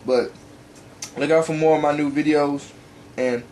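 A man's voice: fairly high pitch, fairly even intonation, a little slow, a little mellow, a little hiss or hum. A young man rambling casually in a vlog, talking while eating and swearing offhandedly. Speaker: YouTuber.

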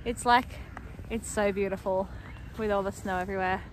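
A woman's voice: mid-range voice, fairly even intonation, moderate pace, rough recording. A young Australian woman chatting casually to a handheld camera in a snowy city, full of "like" and "um" fillers. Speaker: travel vlogger. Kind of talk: casual travel vlog chat. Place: snowy city streets and parks outdoors. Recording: outdoor street noise behind.

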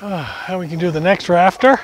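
A middle-aged man with a fairly high voice talks through a building job outside, step by step and in a chatty way. The camera mic sits a little off from him, with faint outdoor noise behind. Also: fairly quick. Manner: chatty, explains each step while working, self-deprecating jokes. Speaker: homesteading vlogger. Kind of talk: casual how-to narration. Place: outdoors at a wooded barn. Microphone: camera mic from a distance.

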